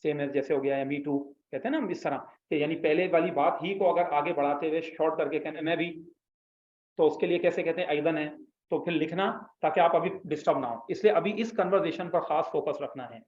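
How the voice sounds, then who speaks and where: A man's voice: a little high, a little fast, darkish tone. A man teaching an Arabic class, patiently explaining and prompting students to repeat after him. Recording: echoey room, slightly dull sound.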